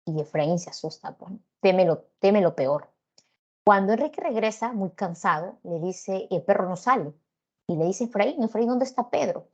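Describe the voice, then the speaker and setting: A woman with a Peruvian accent teaches a class by retelling a story aloud, stopping often to check that her students follow. Her voice sits a little low. The recording sounds dull and lo-fi. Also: darkish tone. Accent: Peruvian Spanish. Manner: conversational, frequent tag questions. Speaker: literature teacher.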